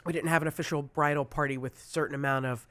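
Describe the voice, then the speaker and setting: A man in his forties, a guest on a talk show, chatting casually and telling animated stories. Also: fairly high pitch, very fast, no room sound. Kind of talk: casual chat.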